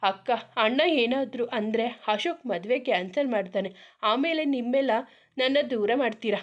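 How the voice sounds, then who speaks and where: A woman voicing a frightened young bride-to-be who pleads slowly and tearfully in a narrated story. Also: on the high side, highs cut off, natural voice. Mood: fearful, tearful.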